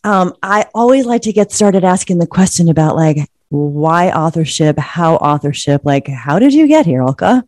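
A woman's voice: fairly low pitch, expressive, normal speed, few pauses, a little mellow, no room sound, clean studio sound. A woman hosting an interview podcast, upbeat and chatty with lots of filler words. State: slight frog in throat. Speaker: podcast host. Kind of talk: enthusiastic interview.

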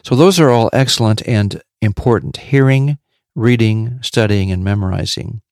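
A man with a fairly low voice gives a devotional teaching, measured and steady. He repeats his key points for emphasis, heard close and dry with no room around him. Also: no echo. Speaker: podcast Bible teacher.

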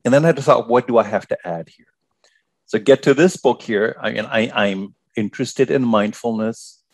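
A man from Germany, a guest author, talking casually in an interview, lively and prone to repeating words as he starts. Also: mid-range voice, normal speed, no room sound.

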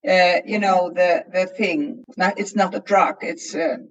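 A woman from Iceland with an Icelandic accent, a novelist chatting hesitantly as a panel guest and pausing often to find her words. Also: on the low side, fairly even intonation, muffled recording, slight background noise. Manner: hesitant, many fillers and restarts while searching for words. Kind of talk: casual panel chat.

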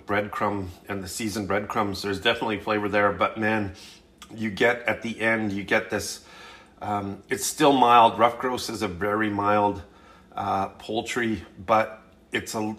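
A man's voice: on the low side, a bit bright. A man hosting a hunting and cooking show, talking casually and hesitantly in his kitchen, with plenty of fillers and restarts. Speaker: hunting and cooking podcast host. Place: home kitchen.

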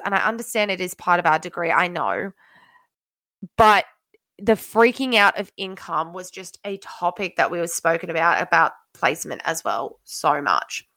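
Young aussie woman w a broad accent, chatty solo podcast, punchy bright voice, really dry recording, leans on her words. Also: mid-range voice, dry recording. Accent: broad Australian. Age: young adult. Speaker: podcast host and student teacher. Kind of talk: casual solo podcast chat.

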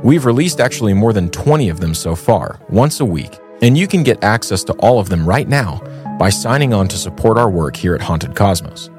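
Male podcast host, low register, scripted storytelling with ornate conversational phrasing, music bed behind. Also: very animated, moderate pace, a little mellow. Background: background music.

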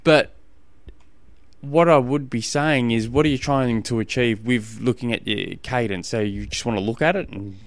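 An Australian man talks casually as a solo podcast host, in a smooth, clean voice at an ordinary male pitch. He rambles informally and often restarts his sentences as he gives coaching advice. The recording is close and dry. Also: fairly even intonation, normal speed, dry recording.

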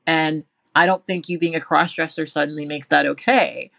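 A woman's voice: deep voice, fairly even intonation, moderate pace, creaky, fairly bright tone, no echo, studio quality. A woman hosting a podcast, speaking casually and emphatically, with frequent stammered restarts.

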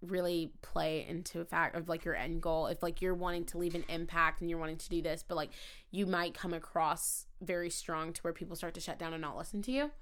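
Creaky, bright-voiced, high-energy young-sounding woman. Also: steady tone, a little fast. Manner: high-energy, chatty, peppers speech with "like". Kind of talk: casual conversation.

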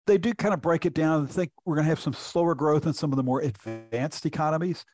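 A man's voice: fairly high pitch, quick pace, a little mellow, soft background music. A middle-aged man from Houston, a chief economist, explaining reports in a conversational podcast interview with frequent restarts. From Houston, Texas.

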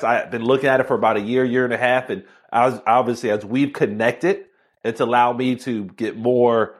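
A man in his thirties from Miami, an author and speaker telling his story with energy as a podcast guest. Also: medium pitch. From Miami, Florida. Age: 30s. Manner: energetic, animated storyteller, talks fast. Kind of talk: casual interview storytelling.

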